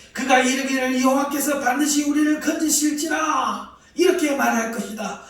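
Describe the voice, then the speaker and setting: A scornful, boastful envoy bellows his taunts in a high, strained voice, as a preacher acts him out. His shouts ring through a big echoing hall, picked up by a mic some distance from him. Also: close to an everyday voice. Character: arrogant male enemy envoy, boastful and scornful.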